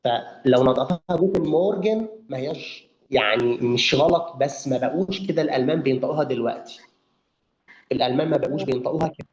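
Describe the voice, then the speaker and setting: A man's voice: medium pitch, quick pace. A male teacher with an Egyptian Arabic accent leads a live lesson, repeating words over and over for his students. The recording is roomy and muffled. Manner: drills pronunciation, repeats words for learners. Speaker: language teacher.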